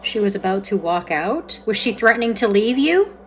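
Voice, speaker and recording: A woman with a mid-pitched voice hosts a paranormal session in a casual, conversational way. She comments as she goes, asks questions aloud and pauses to listen. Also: big pitch swings. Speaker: host of a paranormal spirit box session.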